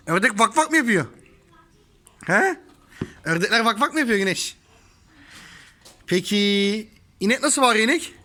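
A woman's voice: fairly high pitch, sharp tone. A woman talking playfully to her toddler in a garden, coaxing her in a sing-song way. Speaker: parent filming her toddler. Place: home garden by a swing.

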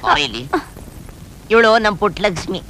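A man's voice: high-pitched, creaky, rough recording. An actor playing a cheeky young village man in a film, talking. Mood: bossy. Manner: fast, cheeky, animated rustic talk. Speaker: village hero in a comedy film. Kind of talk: film dialogue. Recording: film soundtrack with music underneath.

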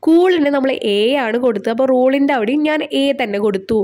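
A woman's voice: sits high, expressive, fast talker, mellow. A woman teacher explaining a lesson step by step, asking questions and answering them herself. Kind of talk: tutorial lesson.

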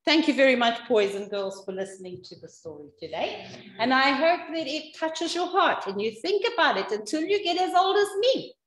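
A woman telling a story to children in a church service, expressive, swinging from soft to loud. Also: high-pitched, moderate pace.

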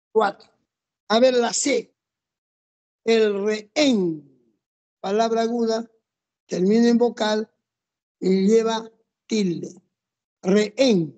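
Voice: medium pitch, dark tone. A teacher in a classroom, methodically walking students through rules step by step and quizzing them on the answers. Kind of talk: classroom lesson.

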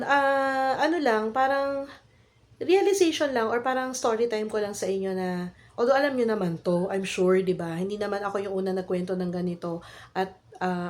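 A woman's voice: medium pitch, darkish tone. A woman in her thirties with a Filipino accent, telling a casual story in a vlog in chatty Taglish with lots of fillers, while she has a cold and a cough. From Philippines. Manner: chatty Taglish with many fillers and tag questions. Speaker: vlogger.

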